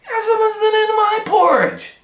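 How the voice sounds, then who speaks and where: A man's voice: extremely high pitch, animated, moderate pace, a bit bright, roomy sound, pitched above the performer's own voice. A man voicing an indignant, plaintive mother bear in a children's storybook reading.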